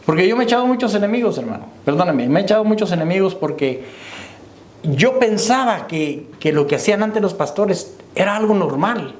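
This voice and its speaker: A man's voice: sits high, expressive, brisk. A man preaching a sermon as pastor, calling out to the brethren and asking if they understand. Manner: preaching to the congregation, repeating "hermano" and "¿me entiende?". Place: church. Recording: echoey church hall.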